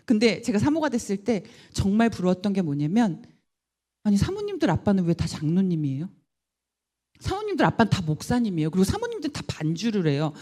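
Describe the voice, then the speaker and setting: A middle-aged woman preaching a personal testimony from the pulpit. Her voice is mellow and warm. She tells her story with animated delivery and acts out the voices of the people in it. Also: medium pitch. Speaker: guest speaker, school principal. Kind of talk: sermon testimony.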